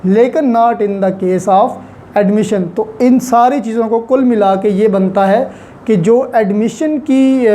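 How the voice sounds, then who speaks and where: This law lecturer's voice is fairly high yet dark in tone. In a didactic explanatory lecture, she mixes English legal terminology into her Urdu-Hindi and echoes key phrases for emphasis.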